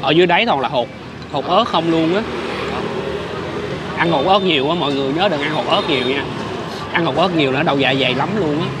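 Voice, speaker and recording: A young man with a slightly high voice chats casually while eating, mouth burning from spicy food. Loud traffic and street noise surround him at the outdoor tables. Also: brisk, long pauses. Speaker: guest in food challenge. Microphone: camera a short distance away.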